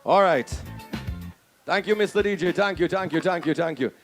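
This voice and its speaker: A man emceeing a political rally, hyping the crowd and shouting out speakers' introductions. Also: sits high, moderate pace, soft background music. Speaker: master of ceremonies.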